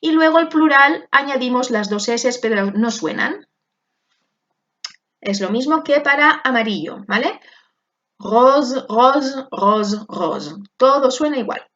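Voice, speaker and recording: A woman teaching a class, explaining pronunciation slowly and repeating each word carefully. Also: sits high, expressive, a bit bright, muffled recording. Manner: slow, deliberate, repeats words for pronunciation. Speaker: French teacher.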